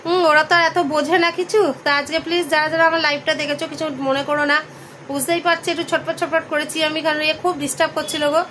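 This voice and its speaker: A woman's voice: high-pitched, level tone, quick pace, pushed and bright, a little hiss or hum. A middle-aged woman chatting casually to her viewers in a home vlog, filmed on a phone camera indoors, cooing at her pet now and then. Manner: chatty, addresses viewers as friends, coos at pet. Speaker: vlogger.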